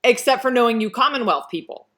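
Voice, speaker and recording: An American woman with a slightly high, fairly bright voice hosts a casual chat with an author, talking fast and animatedly. She's chatty and loves telling stories, dropping frequent "um"s along the way.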